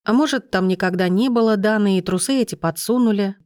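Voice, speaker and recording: A woman's voice: mid-range voice, brisk, darkish tone, dry recording, studio quality, natural voice. A woman reading the lines of an earnest, pregnant young woman in an audiobook. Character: pregnant young woman, worried but resolute.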